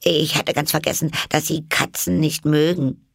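A man's voice: fairly low pitch, expressive, measured pace, gravelly, a bit bright, slightly rough, no echo, clean studio sound, exaggerated voice. A man voicing an eager, polite little girl in a storybook reading, chattering anxiously and apologizing.

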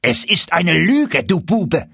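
A man voicing a proud, furious duke in a fairy-tale reading, shouting threats in a raised, strained voice. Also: mid-range voice, sing-song, very slow, breathy edge, dry recording, studio quality, exaggerated voice. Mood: raging.

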